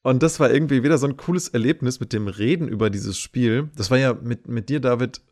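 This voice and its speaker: A man hosting a podcast, telling a story in a lively, relaxed, chatty way. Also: mid-range voice, a little fast. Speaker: podcast host. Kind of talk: casual podcast chat.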